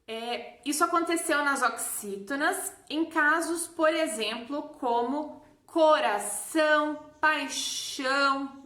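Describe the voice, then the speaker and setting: A woman teacher with a Brazilian Portuguese accent patiently explaining a grammar lesson, repeating example words slowly. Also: high voice, bright, forceful tone. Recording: echoey room.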